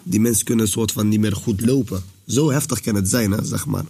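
A young male guest at a casual dinner chat, rambling in a relaxed way with lots of slang. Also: lowish voice, fairly quick, gravelly, a little hiss or hum.

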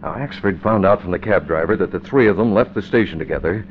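Decisive crime-fighter hero played by a male actor, very deep, firm, old radio drama, muffled with faint noise. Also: fast talker, close to an everyday voice. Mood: serious, decisive. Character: decisive, serious crime-fighting newspaper publisher. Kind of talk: mid-century radio drama acting. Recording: dull, faintly noisy old radio recording.

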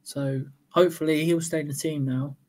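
A man co-hosting a fantasy football podcast, chatting in an excitable, casual way. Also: on the high side, normal speed. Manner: chatty, excitable, fan talk. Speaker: podcast co-host. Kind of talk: casual chat.

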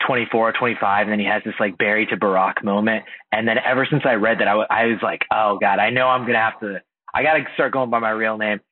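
A man from Indiana chatting casually as a podcast host, halting with many fillers and restarts. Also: mid-range voice, no echo. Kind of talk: casual chat. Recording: dry, phone-like, husky sound.

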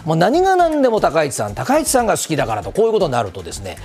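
A man's voice: fairly high pitch, wildly swooping pitch, racing, creaky, darkish tone, faint music behind. A man explaining politics on a TV talk segment, polite and formal, with many fillers. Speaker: political commentator.

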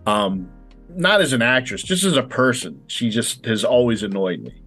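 A man's voice: mid-range voice, lively intonation, moderate pace, a bit bright, soft background music. Opinionated man rambling on a podcast. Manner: opinionated, rambling, with frequent hesitations. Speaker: podcast panelist. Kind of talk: casual podcast chat.

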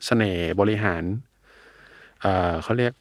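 A man's voice: low-pitched, measured pace, dry recording, clean studio sound. A man who founded a brand talks frankly and casually in an interview, thinking aloud with fillers and the odd swear word.

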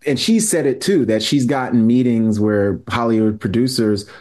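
A man's voice: mid-range voice, moderate pace, dark tone. Earnest man explaining at length. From New York City. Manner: earnest, lecturing, many restarts. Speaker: guest historian. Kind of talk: podcast conversation.

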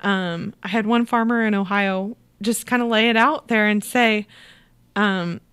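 A woman's voice: medium pitch, steady tone, measured pace, a bit bright, clear, resonant tone. A young woman from Iowa talking casually in a podcast interview, upbeat and laughing often. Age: young adult. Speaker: podcast guest, agriculture storyteller.

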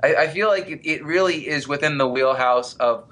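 A man co-hosting a casual movie podcast with a wry, offhand delivery. He swears casually as he talks. His voice is bright and a bit high. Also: normal speed. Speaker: podcast co-host. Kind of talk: casual movie review chat.

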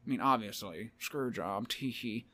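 A man's voice: lowish voice, moderate pace. Guy rambling thru a wrestling recap on a podcast, acts out what people said. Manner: rambling, animated, acts out quotes. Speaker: podcast co-host. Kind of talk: casual wrestling recap chat.

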